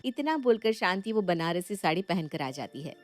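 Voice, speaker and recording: A woman narrating a scripted bedtime story in a steady storytelling voice. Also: fairly low pitch, normal speed, soft background music.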